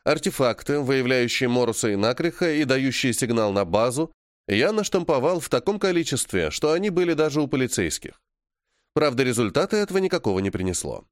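A man reading a first-person fantasy audiobook in a measured, matter-of-fact way. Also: medium pitch, big pitch swings, no room sound, studio quality. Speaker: audiobook narrator.

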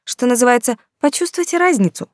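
Woman reading as a pushy sarcastic girl, loud and high, bossing everyone, dry close sound. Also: expressive, a little fast, no echo, close to an everyday voice. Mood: mocking. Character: brash bossy young woman student. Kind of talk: audiobook character voice.

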